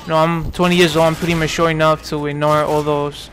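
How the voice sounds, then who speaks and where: Talking fast in a level tone, a New York man in his twenties gives rambling, casual gameplay commentary crowded with fillers and restarts. His voice sits on the high side with a fairly bright quality, over slight background noise.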